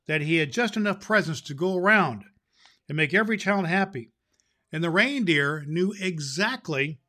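A man playing a jolly old Santa Claus who hosts a show and reads a Christmas story aloud, with booming ho-ho laughs. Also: sharp tone. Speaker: host. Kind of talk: storytelling podcast.

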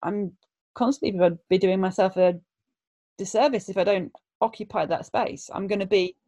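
A woman's voice: mid-range voice, dark tone. Woman, casual conversation, reflective, hesitant, many restarts. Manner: hesitant, halting, frequent restarts.

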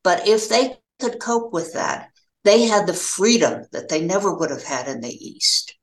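An older American woman, a novelist, gives reflective interview answers, halting and thoughtful, pausing mid-phrase. Her mid-range voice is expressive, and the sound is roomy.

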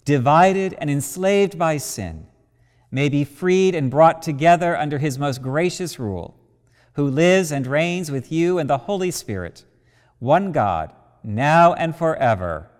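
Slow-chanting priest with cathedral echo. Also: male voice, on the high side, lively intonation, a little mellow. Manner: slow, measured intoning with rising and falling phrases. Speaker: priest leading worship. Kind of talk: intoned liturgical prayer. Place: large church. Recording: long cathedral reverb.

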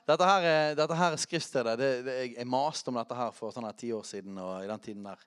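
A man preaching a charismatic sermon, chatty and self-correcting, who shouts out scripture. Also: mid-range voice, clean tone.

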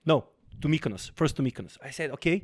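A man, a guest entrepreneur telling his life story in a casual interview, animated and quoting himself often. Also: a little high, fast, husky. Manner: animated, quotes himself often, frequent fillers.

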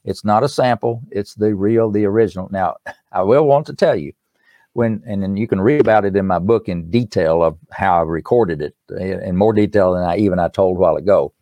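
A man's voice: low-pitched, fairly quick, warm tone, no echo. An older man with an East Tennessee accent, explaining things in a folksy, earnest conversational way as an interview guest. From East Tennessee, United States. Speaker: musician and author, interview guest. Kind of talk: conversational promotional talk.

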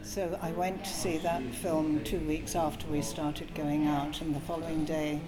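A woman's voice: low voice, little pitch movement, a little slow, over loud music, poor audio. An older woman with a southern English accent, telling her life story conversationally as a podcast guest. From Essex, England. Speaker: podcast guest, former film production worker. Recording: busy crowd chatter behind. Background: crowd noise.

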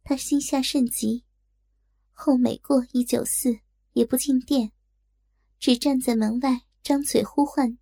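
Brief: woman narrator, high and slow, gravelly edge, dark tone, dry close sound. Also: steady tone, no echo. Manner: slow, deliberate storytelling. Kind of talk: scripted story narration.

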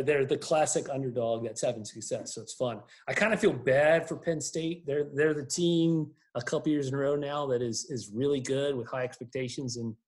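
A man co-hosting a casual sports podcast, animated and quick to laugh, often repeating his words. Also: mid-range voice. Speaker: podcast co-host.

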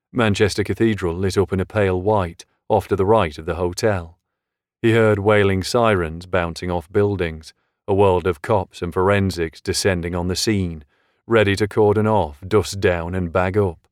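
A man reading a crime thriller audiobook in a measured, steady way. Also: low-pitched, no echo, studio quality. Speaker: audiobook narrator. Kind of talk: scripted audiobook narration.

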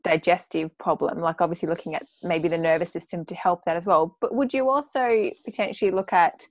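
A woman with a slightly low voice and a very dry, echo-free sound. She speaks as a casual interviewer, informal and agreeable, working out her thoughts aloud. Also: brisk.

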